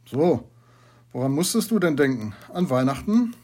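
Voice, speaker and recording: A man voicing a brisk, gruffly kind middle-aged teacher with a husky voice. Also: on the high side, big pitch swings, pitched above the performer's own voice. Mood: questioning. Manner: brisk and gruffly warm, emphatic.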